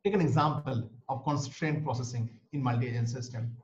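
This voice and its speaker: Here a native Bengali speaker with an Indian English accent lectures online at a brisk clip, in a medium-pitched voice. He repeats each explanation twice. A webcam or laptop microphone on the call gives the recording a roomy, dull quality.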